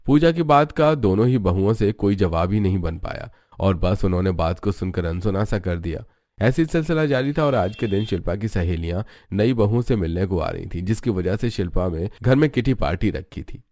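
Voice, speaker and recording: A man narrating a cartoon story in an even storytelling way. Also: deep voice, normal speed.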